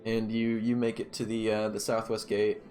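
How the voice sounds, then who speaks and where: Man, game master, low voice, descriptive casual narration, halting improvisation, music behind. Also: completely flat delivery, a little mellow.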